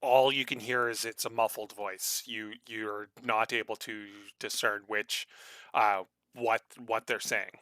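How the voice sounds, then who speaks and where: A man runs a tabletop game as game master. His voice is bright and forceful, recorded very dry and close. His narration halts often, with many restarts and fillers. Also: on the low side, little pitch movement, no echo. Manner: halting, full of fillers and restarts.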